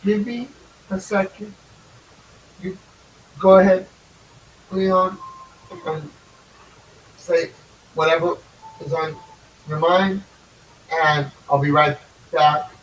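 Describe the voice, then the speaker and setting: A man co-hosting a casual podcast, talking slowly and loosely, with sudden jumps in pitch and loudness on stressed words. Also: slight background noise. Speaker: podcast co-host. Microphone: headphones and a distant mic, hearing himself back. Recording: echoey room, voice far from the mic.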